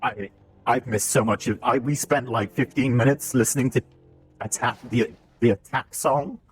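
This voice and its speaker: A man's voice: mid-range voice, moderate pace, slightly rough, soft background music. A British man streaming a war video game live, joking and chatting with his viewers as he plays. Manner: joking, chatty, reads chat aloud.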